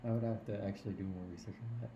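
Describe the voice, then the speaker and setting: A man's voice: fairly low pitch, steady tone, very fast, background noise. A man co-hosting a podcast, chatting casually about sports and teasing his partner. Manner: teasing, trash-talking. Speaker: podcast co-host. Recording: echoey room, dull lo-fi sound.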